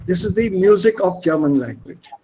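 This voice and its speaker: A man teaching German pronunciation in an online lesson, explaining slowly and deliberately and switching between German and English. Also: high-pitched, expressive, dark tone, a little hiss or hum, low-quality recording.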